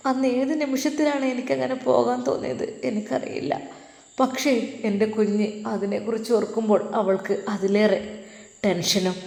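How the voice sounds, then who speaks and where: A woman's voice: on the high side, steady tone, moderate pace, vocal fry, darkish tone. Woman doing a tearful young daughter in an echoey room. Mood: sad. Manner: pleading, choked with tears. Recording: echoey room with long reverb.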